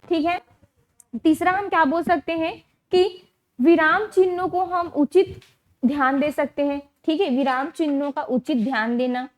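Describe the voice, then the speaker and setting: High-pitched lady teacher doing exam prep, repeats stuff slow, keeps asking "got it?". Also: fairly even intonation. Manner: repeats key terms slowly, checks understanding with rhetorical questions.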